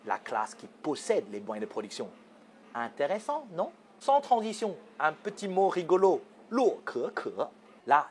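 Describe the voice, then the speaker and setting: A man's voice: medium pitch, a little hiss or hum. A man presenting a magazine show segment, explaining words in a playful, teasing way and asking the viewers questions.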